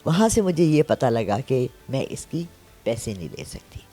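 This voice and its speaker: A woman's voice: a bass voice, breathy edge, soft background music. A woman in her sixties, a palm reader, telling stories in a casual interview and often checking in with her listener. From Pakistan. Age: 60s. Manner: animated storyteller, frequent "theek hai?" check-ins.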